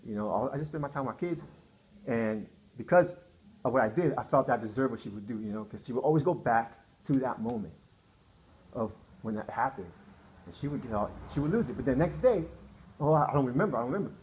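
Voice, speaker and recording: Fast-talking man telling his side. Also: medium pitch, expressive, darkish tone. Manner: rambling, repeats himself, acts out quotes. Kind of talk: emotional personal account.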